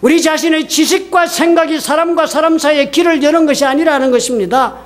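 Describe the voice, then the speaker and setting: A man's voice: extremely high pitch, a little fast. A man preaching a sermon as a pastor, telling a story and putting questions to his congregation. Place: church sanctuary.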